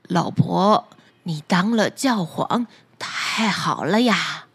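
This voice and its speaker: A timid old fisherman from a fairy tale, as a woman narrator puts him on. He speaks lower and slowly, pleading and fearful. The voice is soft and breathy. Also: expressive, dry recording, exaggerated voice. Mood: tearful.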